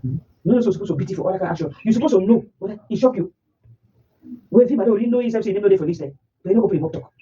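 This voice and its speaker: A woman's voice: mid-range voice, animated, warm tone, breathy edge, distant mic, highs cut off. A woman with a Nigerian Pidgin accent, a mother scolding her child in a heated family argument. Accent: Nigerian Pidgin English. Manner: scolding, rapid and insistent.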